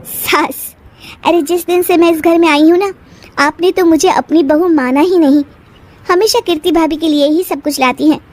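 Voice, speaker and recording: A woman voicing a sharp-tongued, defiant young wife in a cartoon, with shrill retorts. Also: expressive, moderate pace, faint music behind. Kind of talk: cartoon voice acting.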